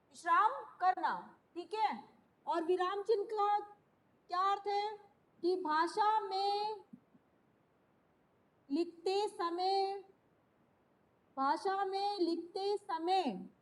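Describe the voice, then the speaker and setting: A woman teaching a class, speaking slowly, repeating key phrases and quizzing her students. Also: very high voice, a bit bright. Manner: slow, repeats key phrases and asks questions. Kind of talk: classroom lesson.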